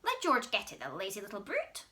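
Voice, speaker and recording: Woman playing a huge bossy old grandmother, shrill, bellowing, scolding, storybook. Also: huge pitch swings, a little fast, pushed and bright. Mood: indignant.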